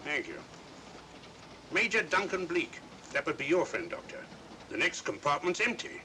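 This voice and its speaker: Plodding police inspector, vintage film: officious, highish lively voice, clearly noisy soundtrack. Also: male voice, normal speed, heavily acted. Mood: puzzled, businesslike. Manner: officious, questioning. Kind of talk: 1940s mystery film acting. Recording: noisy old film soundtrack, train rumble.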